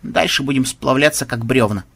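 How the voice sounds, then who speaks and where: A man's voice: mid-range voice, moderate pace, gravelly, a bit bright, husky. A man voicing a sarcastic, teasing young woman game tester. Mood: soothing. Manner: teasing, mocking.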